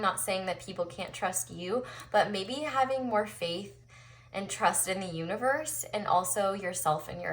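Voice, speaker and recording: A woman hosts a pick-a-card tarot reading. Her voice is bright and forward, at a middling pitch. She talks to viewers casually and encouragingly, as in a conversation. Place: indoors at a tabletop, overhead camera on the cards.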